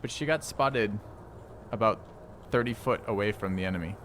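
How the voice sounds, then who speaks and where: A man's voice: fairly low pitch, moderate pace, a bit bright, a little hiss or hum. A man streaming a strategy game, thinking aloud in casual commentary, puzzled and now and then swearing at the game's rules.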